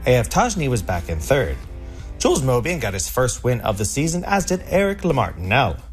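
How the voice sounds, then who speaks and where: A man's voice: mid-range voice, wildly swooping pitch, fairly quick. A man presenting a scripted recap of horse racing results as a show narrator. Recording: music bed behind the voice. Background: music.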